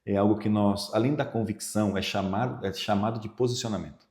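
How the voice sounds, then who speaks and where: Emotional Brazilian pastor in an echoey room. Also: male voice, lowish voice, steady tone, a little fast, darkish tone. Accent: Brazilian Portuguese, São Paulo. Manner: emotional storytelling, quoting himself and others. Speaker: pastor, guest. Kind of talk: personal testimony in a podcast interview.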